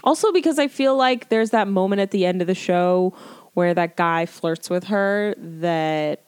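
A woman in her twenties co-hosting a podcast, chatting casually and animatedly, with quick asides and swearing. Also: on the low side, darkish tone, smooth, no room sound, clean studio sound. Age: 20s. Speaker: podcast co-host. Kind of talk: casual chat.

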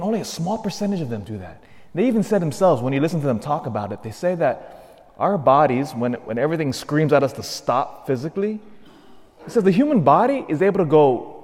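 A man's voice: a little high, darkish tone. A man, a priest, reading the gospel and preaching with earnest, emphatic repetition, his voice ringing with a long cathedral-like church echo. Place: large church.

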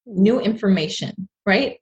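A woman co-hosting a podcast in a casual chat. She is an animated storyteller who laughs often and slips into playful voices. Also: medium pitch, unhurried, highs cut off. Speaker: podcast co-host.

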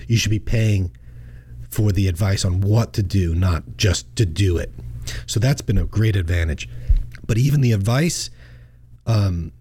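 Relaxed middle-aged man, low and warm. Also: unhurried, pauses often, slightly rough. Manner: relaxed, chatty, restarts and laughs often. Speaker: financial advisor and show host. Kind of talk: casual radio show chat.

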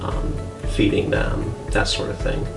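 A man telling a casual testimony about serving others, unhurried, with many pauses and fillers. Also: lowish voice, wildly swooping pitch, creaky. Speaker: church member in a video. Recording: echoey room with music under it. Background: music.

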